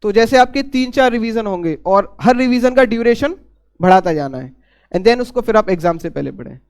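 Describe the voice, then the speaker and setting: Young guy giving earnest study tips, high clean voice, lots of little uh's and restarts. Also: animated, moderate pace, clear, resonant tone. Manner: earnest, repeats himself, frequent fillers and restarts. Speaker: exam topper giving advice. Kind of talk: casual advice talk.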